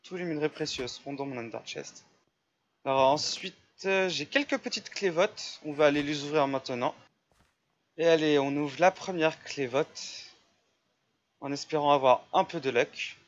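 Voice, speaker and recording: A man's voice: on the high side, normal speed, muffled recording. A man giving casual, step-by-step commentary over his own gameplay, chatty and full of fillers. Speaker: Minecraft server YouTuber.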